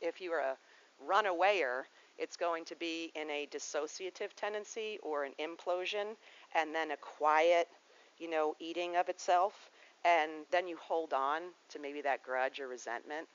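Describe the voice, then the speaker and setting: Yoga lady talking loosely through a class, kinda digressive, muffled low-fi recording. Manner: rambling and digressive, with many restarts. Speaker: yoga teacher. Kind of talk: casual spoken lesson.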